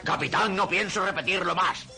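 A man voicing a bossy, threatening cartoon seafarer who orders a ship captain about in a gravelly voice. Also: sits high, normal speed, exaggerated voice. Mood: commanding. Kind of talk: dubbed cartoon acting. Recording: loud music under old cartoon soundtrack.

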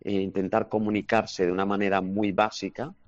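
A man's voice: lowish voice, level tone, fairly quick, dry recording, faint music behind. A man, answering interview questions as a language teaching expert, confident and explanatory. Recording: slightly dull lo-fi recording.

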